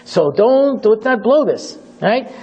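Animated husky rabbi storytelling. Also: male voice, very high-pitched, slow. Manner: dramatic, theatrical, acts out scenes. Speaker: rabbi teaching a class. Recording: dull lo-fi recording.

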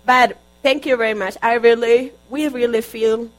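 Sermon voice: Colombian woman, Spanish native, fairly high voice, earnest with many restarts, faint hum behind. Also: fairly even intonation, moderate pace, poor audio. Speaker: guest preacher.

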